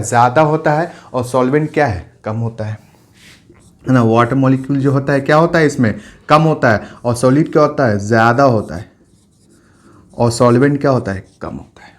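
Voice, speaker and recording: A man teaching a biology lesson, who keeps asking questions and answering them himself and mixes English science terms into his speech. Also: medium pitch. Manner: acts out short quotes of angry and calming friends. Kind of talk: classroom lecture.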